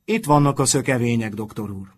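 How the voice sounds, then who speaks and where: A man reading aloud and voicing a sneering, mocking older schoolboy prefect in a raised, loud voice. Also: mid-range voice, expressive, husky. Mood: sugary.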